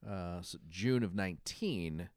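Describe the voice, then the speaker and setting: A man's voice: low-pitched, measured pace, a little mellow, no room sound, clean studio sound. A man co-hosting a podcast, talking in a rambling, hesitant way about music. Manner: rambling, hesitant, lots of fillers and restarts. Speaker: podcast co-host. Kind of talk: casual chat.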